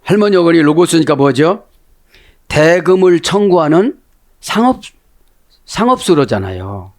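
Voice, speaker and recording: A man's voice: on the high side, measured pace. A male pastor delivering a sermon, often checking in with his listeners with short questions and acting out voices. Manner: animated, constantly prompting the congregation with "에?"; acts out quoted voices within the sermon.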